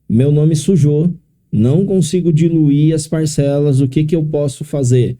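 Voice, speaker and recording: A man's voice: fairly high pitch, measured pace, warm tone. A middle-aged man from São Paulo with a São Paulo accent, explaining things step by step in a podcast interview. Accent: São Paulo Portuguese. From São Paulo, Brazil. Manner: explains step by step, often adding tag questions. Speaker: consórcio specialist guest.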